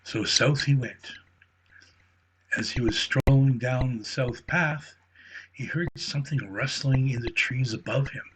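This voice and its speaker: A man reads a children's bedtime story aloud at a very slow, gentle pace. His voice sits in a middle pitch. A faint hiss runs beneath the recording. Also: poor audio.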